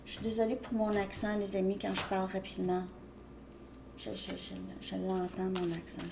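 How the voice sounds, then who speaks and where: A woman's voice: medium pitch, level tone, normal speed, background noise. A woman giving a casual tarot reading to her viewers, talking loosely and restarting her sentences often. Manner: loose, rambling speech with frequent restarts. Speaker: tarot reader.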